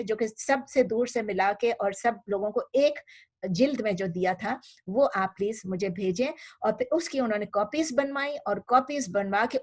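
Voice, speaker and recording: A woman at a middle pitch lectures in easy, talky Urdu, full of English terms and restarts. She quizzes her listeners and then answers herself. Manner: conversational, mixing English words into Urdu, many restarts and fillers; asks the class questions and answers them. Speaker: Islamic history teacher. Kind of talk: informal online lecture.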